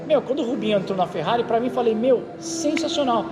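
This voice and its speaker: Brazilian racing guy, pretty high voice, chatty, keeps asking "get it?". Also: quick pace. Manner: animated storyteller, frequent "entendeu?" tags. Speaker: racing driver and instructor. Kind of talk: casual interview chat.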